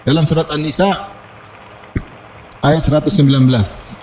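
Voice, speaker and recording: A man delivers a sermon in a high voice. He preaches with animation, mixing humorous asides with recited Arabic verses. Faint background noise sits under the recording. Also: fairly even intonation, moderate pace, a little mellow. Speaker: Islamic preacher.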